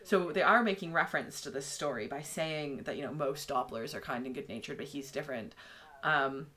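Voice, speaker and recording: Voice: mid-range voice, a little fast, sharp tone. A podcast co-host in a casual book discussion, chatty with many fillers, reading passages aloud.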